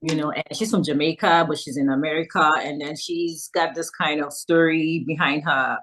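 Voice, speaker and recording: A woman's voice: deep voice, steady tone, moderate pace, fairly bright tone, slight background noise. A woman from Nigeria, a musician guest on a radio show, chatting cheerfully over a video call and laughing often. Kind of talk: casual interview chat.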